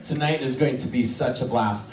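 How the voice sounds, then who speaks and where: A man hosting a live stage hypnosis show, giving commanding, repetitive instructions with drawn-out phrases. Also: mid-range voice, a little mellow, recorded from a distance. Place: live show venue with audience. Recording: echoey live stage, crowd noise.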